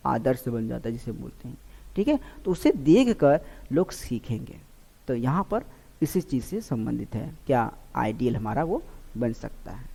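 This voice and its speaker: A male teacher gives an online exam-prep vocabulary lesson in a warm, mellow voice. He keeps firing questions at his students and answering them himself, repeating each answer. His voice rings with a long reverb, as if recorded in a large hall. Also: medium pitch, very animated, normal speed, gravelly, slightly rough.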